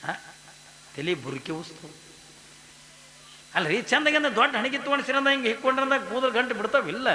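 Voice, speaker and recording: Man preaching, high bright voice, echoey hall, keeps asking the crowd questions. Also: moderate pace, pauses often. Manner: animated, acts out quoted voices, asks the audience questions. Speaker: pastor. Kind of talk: devotional sermon with storytelling.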